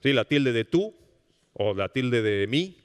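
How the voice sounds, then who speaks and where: A man with an Argentine Rioplatense accent giving a public lecture, animated and often checking in with the audience. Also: mid-range voice, takes it slowly, smooth. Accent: Rioplatense Spanish. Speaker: speaker giving a public talk on language. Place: lecture hall at a cultural center. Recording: long reverb of a hall.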